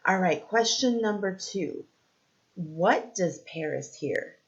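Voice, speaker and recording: Reading aloud to young children, a woman teacher poses simple questions, waits for responses and offers encouragement. She has a lowish voice with lively intonation, captured in lo-fi sound.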